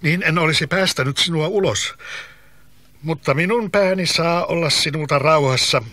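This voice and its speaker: A man's voice: a little high, pushed and bright, no room sound. A man voicing a clever, bold young boy, answering eagerly and with self-assurance in a storybook reading. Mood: defiant.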